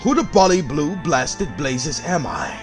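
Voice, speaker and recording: A man's voice: a little high, very animated, unhurried, music in the background. A man voicing a forgetful, blustering old man with old-fashioned exclamations. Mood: flustered.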